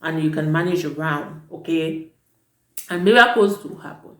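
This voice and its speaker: A woman teacher at an international school shares casual advice with prospective students in a vlog, talking emphatically and chattily and often correcting herself mid-sentence. Her low voice is a bit bright and moves at a moderate pace in an echoey room.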